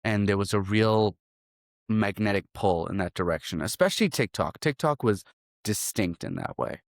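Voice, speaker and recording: Low-voiced reflective male founder. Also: normal speed, no room sound, studio quality. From Hong Kong. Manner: reflective, relaxed, repeats phrases. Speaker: guest, startup founder. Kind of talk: casual interview.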